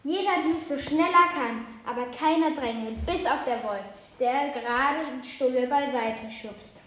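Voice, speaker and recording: A woman reading a children's picture book aloud with lively, expressive storytelling. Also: high-pitched, unhurried. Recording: roomy echo.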